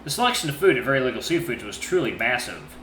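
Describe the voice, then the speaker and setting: A man giving expressive narration of a story. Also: medium pitch, quick pace, soft background music. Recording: roomy, faint background noise.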